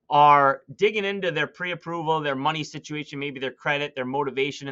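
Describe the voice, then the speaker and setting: A man with a fairly high, bright, forceful voice coaches new real estate agents in a loose, chatty way. He fills his talk with "um" and "you know". The recording is dull and lo-fi. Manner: loose and conversational, with many fillers; acts out phone calls in brighter, higher voices. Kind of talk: casual coaching talk to camera.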